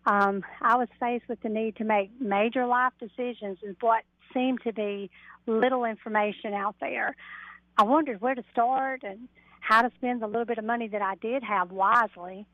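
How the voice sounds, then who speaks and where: A middle-aged woman, a mediator and coach, calls into a radio show as a guest and explains her work through a narrow telephone connection. Her fairly high voice keeps a fairly even intonation at normal speed, and there's no echo.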